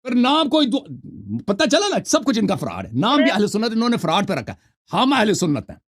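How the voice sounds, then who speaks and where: Combative debate host, high voice. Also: male voice, wildly swooping pitch. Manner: combative, talks over the caller, reads out book passages. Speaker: host of a debate call-in show. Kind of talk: heated religious debate. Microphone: online call.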